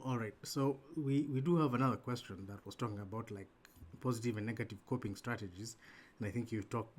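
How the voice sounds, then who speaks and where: A man's voice: mid-range voice, slight background noise. A man hosting a webinar Q&A over a video call, friendly and grateful, stumbling over restarts as he reads out questions. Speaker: host and moderator. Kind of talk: moderating a webinar Q&A.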